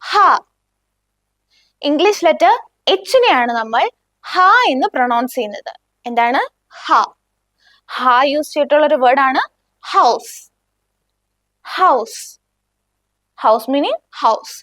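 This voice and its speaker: A woman teaching a beginner language lesson with a Malayali accent, saying each word slowly and asking learners to repeat after her. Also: sits high, animated, no echo, clean studio sound.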